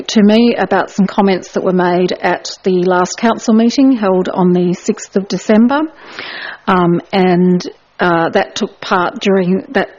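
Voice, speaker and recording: As mayor, a woman runs a council meeting, moving briskly through procedure and dropping a few light asides. Her voice is mid-range and a little mellow, and the recording is dull and lo-fi.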